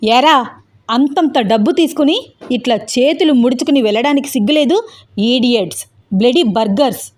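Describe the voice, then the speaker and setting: A woman voicing a cocky rich young man who shouts blustering threats in an audio story. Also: sits high, moderate pace. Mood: shouting angrily.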